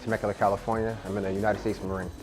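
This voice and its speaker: A man from Staten Island talks fast and keeps things businesslike in a fairly low voice. Faint music plays under his testimonial. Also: little pitch movement, a little mellow. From Staten Island, New York. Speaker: seminar student. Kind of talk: testimonial interview.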